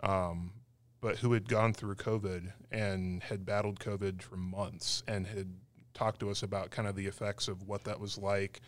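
A man's voice: low voice, flat delivery, normal speed, slight background noise. A man from Arizona co-hosting a casual podcast, chatty and joking, with many fillers. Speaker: podcast co-host.

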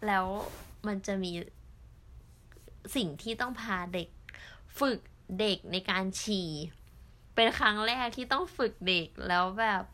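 A woman's voice: medium pitch, sharp tone. Chatty young Thai woman vlogging. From Thailand. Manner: chatty, with many fillers and drawn-out pauses. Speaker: au pair vlogger. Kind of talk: casual storytelling vlog.

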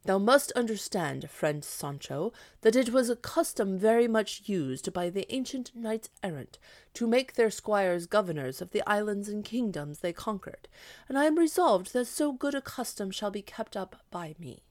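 A woman's voice: mid-range voice, very animated, moderate pace, darkish tone, natural voice. A woman voicing a proud, deluded older male knight-errant who speaks in grand, archaic declamations. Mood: solemn.

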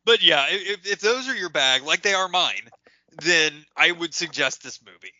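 Bright, sharp-toned man chatting on a podcast. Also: a little high, expressive, moderate pace, dry recording. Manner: enthusiastic, stammering restarts, says "like" a lot. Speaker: podcast co-host. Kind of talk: casual movie review chat. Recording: dry, dull lo-fi podcast audio.

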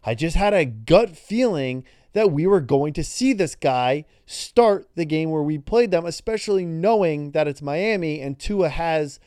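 A man's voice: fairly high pitch, warm tone, smooth, no room sound, studio quality. A man co-hosting a sports podcast, talking through an upcoming matchup in a conversational, step-by-step way. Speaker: podcast co-host. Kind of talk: casual sports podcast talk.

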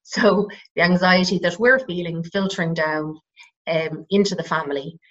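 A dull, lo-fi recording of an Irish woman in middle age. Her voice is low and croaky. She explains things informally, measured and hesitant, pausing often as she goes. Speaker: psychotherapist, interview guest. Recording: dull, lo-fi sound.

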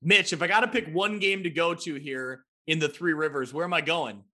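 Bright, high-voiced male sports host. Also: a little fast. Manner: upbeat, self-deprecating, recaps game stats. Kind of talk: casual sports talk.

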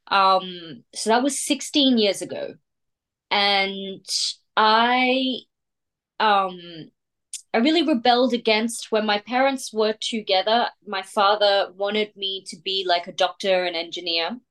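A woman in her thirties from India talks unhurriedly as a tattoo artist being interviewed. Her pitch sits in an ordinary middle range. She pauses often, filling gaps with soft fillers as she reflects. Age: 30s. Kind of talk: casual interview chat.

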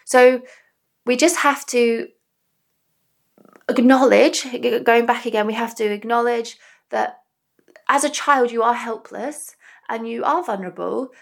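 Gravelly-voiced woman sharing earnestly. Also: a little high, unhurried, pauses often. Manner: earnest, gentle, many fillers. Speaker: podcast host. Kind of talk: reflective personal monologue. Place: indoors in front of a mirror. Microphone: small dictaphone recorder.

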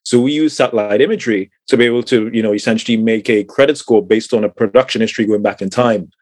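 A low-pitched man from Trinidad talks through his career in a relaxed interview, often restarting phrases and padding with fillers. He sounds middle-aged, and the recording is close and dry with no room around him. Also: quick pace, no room sound. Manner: thoughtful, many fillers and repeated words. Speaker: guest, climate tech entrepreneur. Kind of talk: conversational interview answers.

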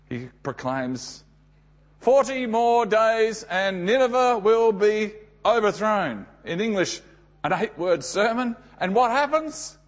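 An Australian man with a high voice preaches a sermon, telling the story dramatically with emphatic pauses and rhetorical questions.

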